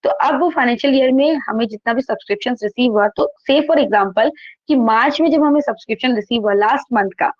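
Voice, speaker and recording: A woman teaches accountancy in an online class, reading from the textbook, explaining each point, and asking and answering her own questions. Her voice is on the high side and fairly quick, recorded on a laptop microphone with a dry, lo-fi sound.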